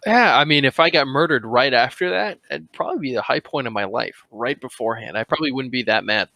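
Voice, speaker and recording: A man's voice: medium pitch, expressive, fast, vocal fry, bright, forceful tone, no room sound. A man co-hosting a movie-review podcast, chiming in with dry, sarcastic one-liners. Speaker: podcast co-host. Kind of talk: casual movie-review chat.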